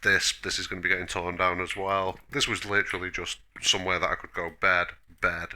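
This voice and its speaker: A man's voice: sits low, flat delivery, fairly quick, pushed and bright. A man giving a casual, rambling gameplay tour as host, self-deprecating and a little grumbly, sounding chesty from a cough. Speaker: host of a gaming video.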